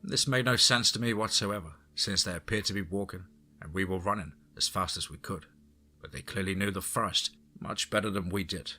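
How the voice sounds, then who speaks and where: A man's voice: low voice, fairly quick. A man narrating a first-person horror story in a dramatic, suspenseful way. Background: soft background music.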